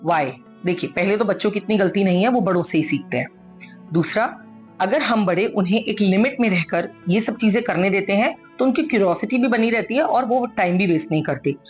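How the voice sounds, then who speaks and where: Woman, motivational speaker, earnest coaxing delivery, medium pitch, faint music underneath. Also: brisk, a little mellow. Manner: earnest and coaxing, mixes English into Hindi. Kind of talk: motivational talk.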